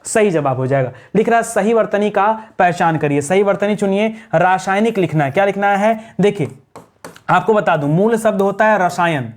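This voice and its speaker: A man's voice: high voice, moderate pace. A man teaching an exam revision class, explaining correct spellings and drilling answers with repeated rhetorical questions. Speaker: Hindi grammar teacher.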